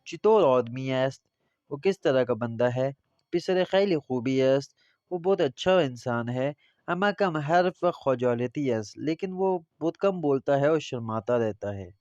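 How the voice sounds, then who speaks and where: Man teaching Persian in Urdu, smooth voice. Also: medium pitch, lively intonation, a little mellow, no room sound. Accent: Pakistani Urdu. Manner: reads Persian phrases slowly then explains them. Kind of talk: recorded language lesson. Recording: slightly dull lo-fi audio.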